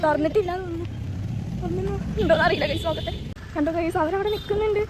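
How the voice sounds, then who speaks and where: A woman's voice: extremely high pitch, very fast, noisy background. A woman vlogging her family day, talking to her small son in a coaxing sing-song way. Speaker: vlogger and mother. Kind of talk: casual family vlog talk.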